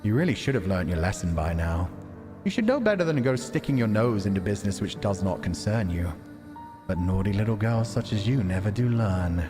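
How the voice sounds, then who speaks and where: With music behind him, a game streamer reads out visual novel narration and talks about it casually. He speaks fairly quickly in a lowish voice with lively intonation.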